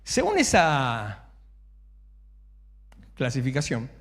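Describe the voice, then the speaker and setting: Animated Rioplatense pastor in echoing church. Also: male voice, medium pitch, slow. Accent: Rioplatense Spanish. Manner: animated, humorous, acts out shouting worshippers. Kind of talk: sermon. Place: church sanctuary. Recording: echoey church hall.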